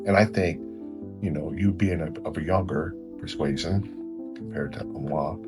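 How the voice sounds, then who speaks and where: A man's voice: extremely low pitch, unhurried, over loud music. A middle-aged man with an Oklahoma Okie accent, hosting a conversational interview in a rambling, encouraging way. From Oklahoma, United States. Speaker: interview show host.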